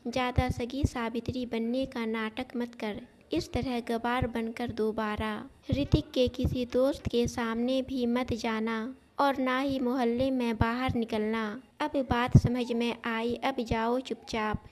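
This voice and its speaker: A woman's voice: on the high side, level tone, takes it slowly, hardly any pauses. A woman voicing a scornful, bossy middle-aged mother-in-law in a storybook reading, with a cutting manner. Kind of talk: storybook narration.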